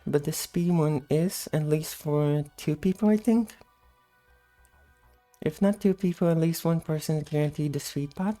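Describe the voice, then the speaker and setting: A woman giving casual, unhurried gameplay commentary in a sleepy, just-woke-up morning voice. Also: sits low, warm tone, faint music behind. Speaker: gameplay host.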